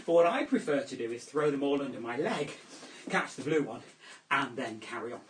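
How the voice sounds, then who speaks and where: A man's voice: mid-range voice, lively intonation, a little fast, recorded from a distance, slight background noise. A man performing a children's juggling show with playful, jokey, theatrical patter. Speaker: children's entertainer. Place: home room during lockdown. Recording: echoey room, voice a little off-mic.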